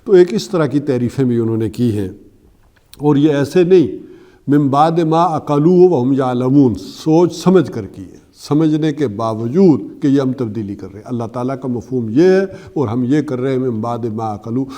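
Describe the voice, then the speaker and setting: A man giving a religious lecture, explaining scripture step by step, slowing down to recite verses and asking rhetorical questions. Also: mid-range voice, lively intonation, warm tone. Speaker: Quran teacher.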